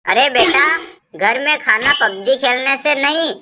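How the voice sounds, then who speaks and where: A woman's voice: sits high, unhurried, a crowd in the background. A woman voicing a middle-aged mother scolding her lazy son. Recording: loud hiss behind the voice.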